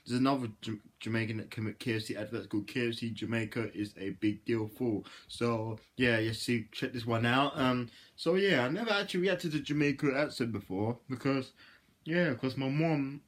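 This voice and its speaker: Hosting a laid-back reaction video, a man with a mid-range voice rambles at a moderate pace, repeating fillers, cursing openly and bursting out loudly without warning.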